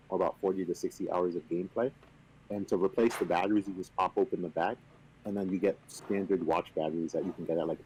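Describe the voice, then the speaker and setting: A man on a video call casually explaining a game, relaxed and playfully boastful, with lots of fillers. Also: low voice, a little hiss or hum, poor audio. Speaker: company representative teaching the game. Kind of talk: casual chat on a stream.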